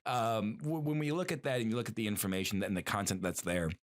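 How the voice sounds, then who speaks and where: A man's voice: on the low side, quick pace. A man co-hosting a podcast in casual chat, rambling with many fillers and restarts. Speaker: podcast co-host.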